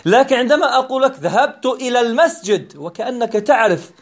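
A man's voice: extremely high pitch, lively intonation, fast talker. A man teaching an Arabic grammar lesson, patiently repeating key points and asking and answering his own questions.

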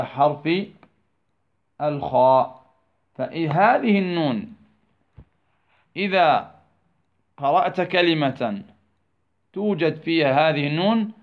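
A man teaching tajweed, drawing out words and asking rhetorical questions that he answers himself, repeating key terms. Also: fairly high pitch. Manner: slow, drawn-out phrasing. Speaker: Quran recitation teacher. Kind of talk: tajweed lesson, explaining verses of a poem. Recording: tinny phone-like recording.

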